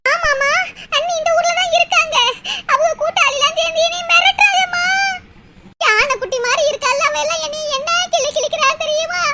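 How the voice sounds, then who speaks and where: A woman's voice: very high-pitched, fairly quick. A woman voicing a grown daughter, who complains in a whiny, dramatic way. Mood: complaining. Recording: noisy recording with steady hiss.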